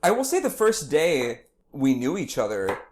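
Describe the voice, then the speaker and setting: A man's voice: on the high side, wildly swooping pitch, normal speed. A man co-hosting a casual podcast while cooking, talking in a playful, jokey way. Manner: playful, jokey, slips into silly voices. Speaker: podcast co-host. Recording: faint background noise, home kitchen.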